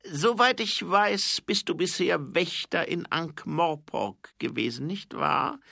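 Man voicing a slow, probing old dwarf king. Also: lively intonation, gravelly, no room sound, clean studio sound, full character voice. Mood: probing, weary. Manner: slow, high and loud, drawn-out.

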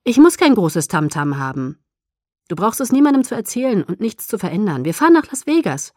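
A woman reading a calm, amused young man who teases his fiancée, in a dry recording. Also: mid-range voice, a little fast, no room sound. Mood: calmly teasing. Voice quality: calm, gently teasing. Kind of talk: audiobook reading.

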